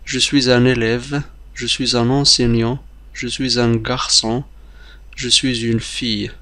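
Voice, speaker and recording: A man teaching a beginner language lesson, explaining briskly with some hesitations and repeating example phrases slowly like drills. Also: mid-range voice, level tone, sharp tone, dry recording.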